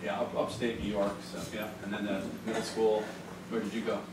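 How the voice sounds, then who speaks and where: A middle-aged man moderating a student panel in a large school hall, asking loose, halting questions with restarts. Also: fairly low pitch, completely flat delivery. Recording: echoey hall, distant mic, background noise.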